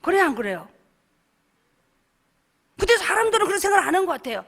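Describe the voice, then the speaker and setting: High, bright-voiced woman telling a testimony. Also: fast. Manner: animated storytelling, acting out dialogue. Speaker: church deaconess giving testimony. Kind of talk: sermon testimony.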